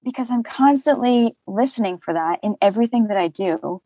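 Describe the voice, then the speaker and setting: Young woman voice actor, chatty and animated, mid-pitched, dry close sound; casual interview guest. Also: a little fast, no room sound. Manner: chatty, animated, laughs often, many fillers.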